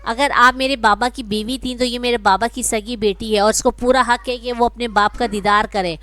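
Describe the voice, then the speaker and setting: A woman's voice: a little high, steady tone, a bit bright, natural voice. A woman voicing a stern, grieving young man who firmly orders his family, in a read-aloud story. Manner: firm, commanding.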